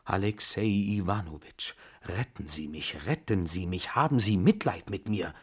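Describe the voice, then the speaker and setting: A man's voice: big pitch swings, normal speed, breathy edge. A man voicing a desperate, ruined older general who pleads and rants with a strained, raised voice. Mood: pleading. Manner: pleading, agitated, raised pitch.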